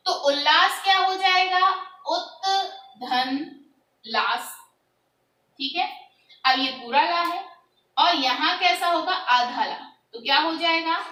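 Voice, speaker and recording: A woman with a high voice teaches a grammar lesson, moving slowly through each step. She puts questions to her students and answers them herself. She sounds a little far off, with room echo around her. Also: bright, forceful tone. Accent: Hindi.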